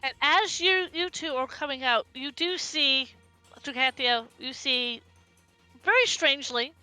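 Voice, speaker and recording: A woman's voice: sits high, measured pace, pushed and bright, soft background music, poor audio. A woman narrating a tabletop role-playing game as its game master.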